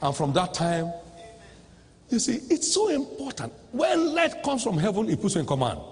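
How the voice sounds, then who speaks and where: A man preaching a sermon at a convention, emphatic and repeating lines as he rises to shouts. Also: high-pitched, wildly swooping pitch, normal speed. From Nigeria. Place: large convention hall. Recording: reverberant live hall recording.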